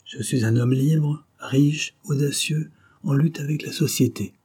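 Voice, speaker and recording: A man's voice: fairly high pitch, unhurried, mellow, breathy edge, pitched above the performer's own voice. A man voicing a calculating male seducer from a novel, speaking in an intense, commanding way.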